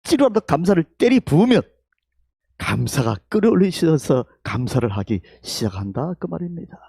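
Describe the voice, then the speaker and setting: A man preaches a Sunday sermon with a Gyeongsang accent, his high voice leaping and falling with lively swings. He moves from loud calls to near-whispers and leads the congregation to repeat his words. The sound is dry and close. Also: normal speed, gravelly, husky, dry recording. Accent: Gyeongsang Korean. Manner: leads the congregation in call-and-response. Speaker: pastor. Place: church sanctuary.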